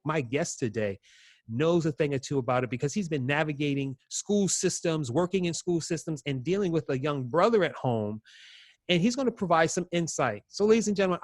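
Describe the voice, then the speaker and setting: A man's voice: on the high side, a little mellow, dry recording, studio quality. A man hosting an interview show, introducing his guest and asking questions in an upbeat, conversational way. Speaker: host.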